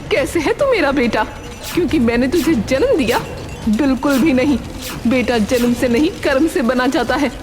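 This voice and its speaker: Woman doing a furious cartoon ghost mother, high and lively, faint music under. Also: normal speed, natural voice. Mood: angry scolding. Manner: scolding, commanding. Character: stern ghostly mother, angry at cruel son. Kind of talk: animated story voice acting.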